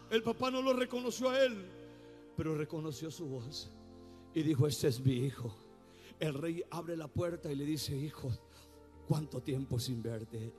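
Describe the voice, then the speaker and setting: A male pastor, preaching his testimony outdoors in the rain with fervent, sung and shouted phrases. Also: a little high. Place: outdoors in the rain at a bus terminal. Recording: faint music behind.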